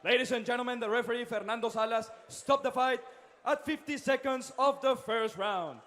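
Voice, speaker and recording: High, booming male lucha libre style ring announcer. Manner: booming drawn-out announcer shouts of names.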